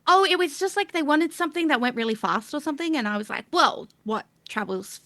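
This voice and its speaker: A woman's voice: sits high, lively intonation, a little fast, a bit bright, no echo, voice pushed up. A woman playing a bubbly, scatterbrained spellcaster. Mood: chirpy. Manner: rambling, bubbly.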